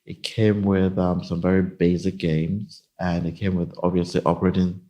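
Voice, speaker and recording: A man in his fifties from Nigeria, a company executive answering interview questions in a measured, explanatory way. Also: low voice, flat delivery, warm tone, lo-fi sound. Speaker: guest, company CIO. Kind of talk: casual interview.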